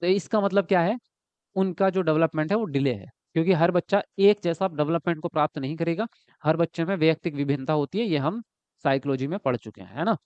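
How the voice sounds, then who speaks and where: Lively male teacher giving an online lesson. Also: fairly high pitch, fast talker, dry recording, highs cut off. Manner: lively, repeats words and asks students if they follow. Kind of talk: online exam-prep lecture.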